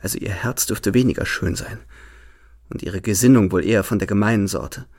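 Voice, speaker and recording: A man giving a dramatic reading of a novel as a feverish young man in love, shifting between hushed words and sudden exclaiming. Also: on the low side, fairly quick. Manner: impassioned, swings from hushed to exclaiming. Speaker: narrator.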